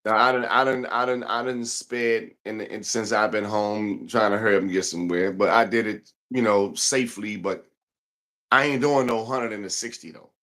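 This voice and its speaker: A man's voice: on the low side, fairly even intonation, normal speed, a bit bright. Slangy man hosting casual sports talk. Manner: loose slangy banter, repeats himself. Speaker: show host.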